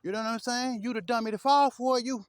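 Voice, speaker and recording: A man's voice: extremely high pitch, fairly even intonation, quick pace, no room sound. Blunt, profane man ranting in a dry close voice. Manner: blunt, profane, rambling street talk with repeated asides. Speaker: vlogger. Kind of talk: casual rant to camera.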